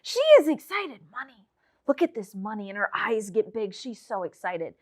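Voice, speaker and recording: A woman teaching children a Bible lesson, reading verses and retelling the story with lively asides to the kids. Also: medium pitch, normal speed, husky. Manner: animated storytelling, addressing the children directly.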